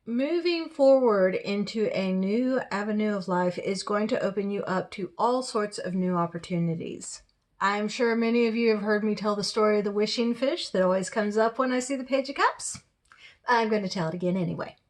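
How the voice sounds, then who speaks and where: A woman's voice: mid-range voice, normal speed. A woman giving a spoken tarot reading with firm, direct advice. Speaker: tarot reader.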